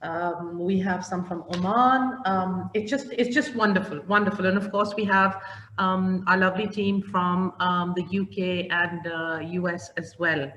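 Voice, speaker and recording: A woman's voice: lowish voice, steady tone, measured pace, highs cut off. A woman from Pakistan, a company head, talking on an online webinar with lots of fillers and restarts. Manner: warm, with many fillers and restarts. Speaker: CEO of a training company, webinar panelist. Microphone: video call. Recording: echoey room, faint background noise.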